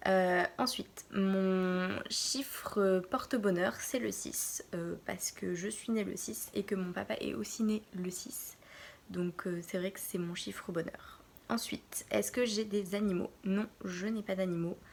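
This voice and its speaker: A young woman in her early twenties from Normandy, answering Q&A questions in a casual vlog from her bedroom, pausing often to think. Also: medium pitch, fairly even intonation, gravelly, slight background noise. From France, Normandy. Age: early 20s. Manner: hesitant, pauses often to think. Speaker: vlogger.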